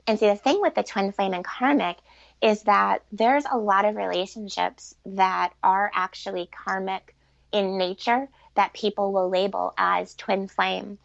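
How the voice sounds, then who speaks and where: Unhurried and steady, a middle-aged woman with a creaky, medium-pitched voice gives earnest, reflective, informal answers in a podcast interview. She's a relationship author and coach. There's no echo, but the sound is dull and lo-fi.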